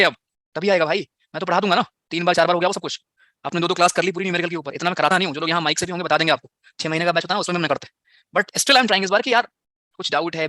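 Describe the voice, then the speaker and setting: A man's voice: on the high side, pushed and bright, dry recording, clean studio sound. A slightly unwell man teaching a physics class online, firing rhetorical questions at his students and mixing English into his talk.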